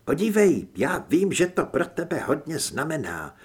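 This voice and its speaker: A man reading an audiobook, voicing a sharp, practical young woman who edits a newspaper. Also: fairly high pitch, very animated, slightly rough. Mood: gentle.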